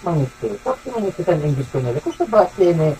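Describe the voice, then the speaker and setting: A faith healer from Zamboanga City, a man who interrogates a spirit with insistent, repeated questions and sharp commands. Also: fairly high pitch, big pitch swings, quick pace, soft background music, poor audio. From Zamboanga City, Philippines. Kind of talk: healing session, interrogating a spirit.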